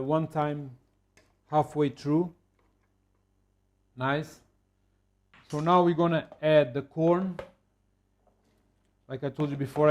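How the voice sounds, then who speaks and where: Relaxed man talking through a recipe. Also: a little high. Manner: relaxed, halting, with many fillers. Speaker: home cook. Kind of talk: casual cooking demonstration.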